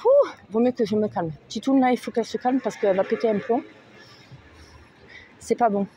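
A woman's voice: a little high, animated, normal speed, warm tone. A woman, ranting angrily to camera, heated and agitated, forever asking "hein?". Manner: agitated, heated, talks at the viewer with frequent "hein?". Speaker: mother vlogger. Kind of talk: angry rant to camera. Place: in a vehicle on the road.

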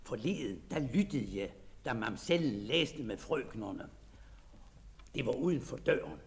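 A man giving a dramatic first-person reading of a diary, talking in a shy, hesitant and dreamy manner that sinks very soft in tender passages. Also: mid-range voice, lively intonation, vocal fry. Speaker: narrator.

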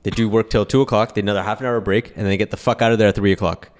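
A man's voice: lowish voice, fairly even intonation, racing, darkish tone. A man in his thirties with a Toronto accent, bantering casually and bluntly as a podcast co-host, full of slang and swearing. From Toronto, Canada. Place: small indoor podcast studio. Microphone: close boom-arm podcast microphone.

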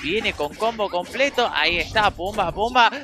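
A woman with an Argentine Spanish accent calling play-by-play as a fighting game announcer, in excitable, clipped exclamations and repeated words. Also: mid-range voice, normal speed, noisy background. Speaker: fighting game tournament caster. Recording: game music behind the voice. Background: fighting game music.

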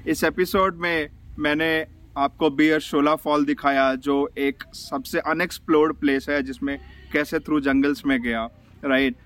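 Chatting to camera on his phone at a hillside viewpoint, a man with an Indian accent gives an enthusiastic, informal travel vlog that blends Hindi and English. His voice runs on the high side and fairly bright, with fairly even intonation and an unhurried pace, over soft background music.

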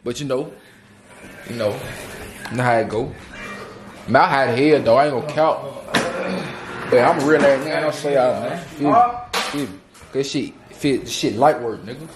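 A man's voice: medium pitch, normal speed, pauses often, noisy background. A man chatting casually and boastfully in heavy slang, cursing and repeating his phrases. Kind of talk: casual, boastful chat to camera. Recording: echoey room with other voices around.

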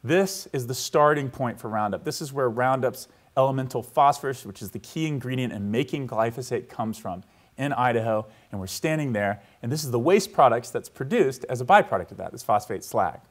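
Delivering a university lecture before a live hall audience, a man speaks briskly and expressively at a medium pitch. He keeps things conversational, repeatedly checks in with the room, and leads people through a scene he invites them to picture.

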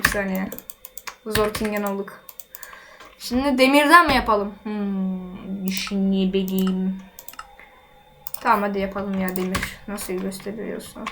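A woman's voice: high-pitched, sharp tone, a little hiss or hum. A woman giving casual gameplay commentary, chatting to herself and her viewers while she builds. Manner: chatty, talks to herself while playing, quick exclamations. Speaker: gaming channel host.

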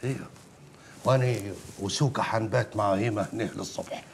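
An actor playing a middle-aged uncle with an Egyptian accent who keeps calming his family with quick, fatherly reassurance. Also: fairly low pitch, creaky, slight background noise. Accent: Egyptian Arabic. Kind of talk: TV drama acting.

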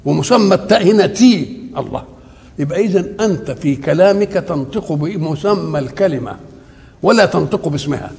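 A man's voice: on the high side, gravelly, a little mellow. A man with an Egyptian Arabic accent giving a religious lecture on Quran commentary, often asking his listeners rhetorical questions for them to complete. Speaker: Quran teacher. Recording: long hall reverb.

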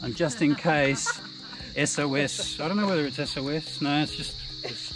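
An Australian man showing off his camping setup in a relaxed, plain-spoken walk-through, filmed outdoors on a handheld camera. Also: a little high, loud music behind the voice. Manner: relaxed, plain-spoken, unhurried tour guide. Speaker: camping vlogger. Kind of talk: casual walk-through narration. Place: outdoor bush campsite. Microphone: handheld action camera.

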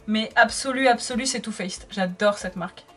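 Woman, 30s, chatty makeup vlogger, slightly high voice, faint music behind. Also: moderate pace, fairly bright tone. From France. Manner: chatty and bubbly, reads viewer comments aloud. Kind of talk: casual chat answering live comments.

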